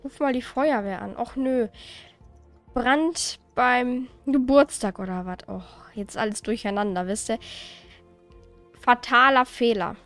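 A woman with a fairly high voice talks through her game session in a loose, chatty way. She grumbles, asks her viewers questions and curses lightly when things go wrong. Soft music plays behind her. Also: slow. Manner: chatty, exasperated, swears lightly. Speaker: let's play host. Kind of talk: casual gameplay commentary.

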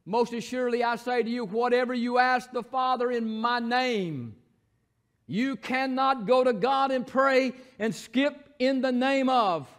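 A man with a Southern accent, a pastor preaching a sermon in church, moving between shouted scripture and quiet, folksy asides. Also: a little slow, clear, resonant tone. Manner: preaching, swings from shouted proclamation to low asides. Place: church sanctuary.

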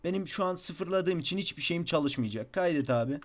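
Turkish young man, higher-pitched, casual desk-mic tutorial, a bit exasperated. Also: animated, a little fast. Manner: chatty, repeats "bakın" and "abi", slightly exasperated. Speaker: gaming tutorial youtuber. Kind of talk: casual screen-recorded tutorial. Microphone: desk microphone.

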